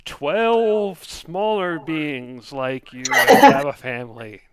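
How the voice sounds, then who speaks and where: A man's voice: fairly high pitch, sing-song, slow pace, a crowd in the background. Tabletop fortune-teller woman, acted by a man: polite, selling her prophecies. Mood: portentous.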